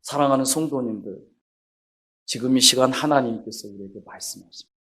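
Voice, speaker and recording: A middle-aged male pastor telling a family story in a sermon, building to impassioned shouted questions. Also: mid-range voice, brisk. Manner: acts out quoted people in his stories.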